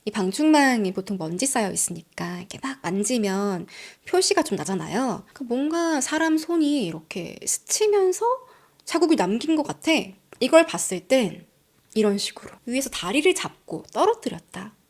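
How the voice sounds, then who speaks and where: Animated woman telling a true-crime story. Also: on the high side, moderate pace. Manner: dramatic, drops to whispers for emphasis; conversational, addresses viewers directly. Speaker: channel host.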